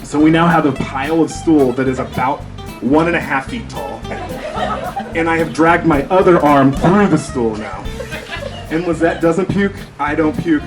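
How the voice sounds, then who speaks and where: Man, ceremony speech, storytelling, guitar music behind, slightly high voice. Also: moderate pace. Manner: storytelling, chuckling often. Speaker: surgical resident giving a graduation tribute.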